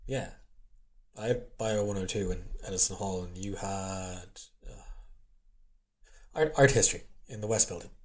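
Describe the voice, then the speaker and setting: Man playing lovestruck male college student, lowish voice, awkward, hesitant, stammering, nervous confession, intimate audio role-play. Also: darkish tone, natural voice. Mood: fond, nostalgic. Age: young adult.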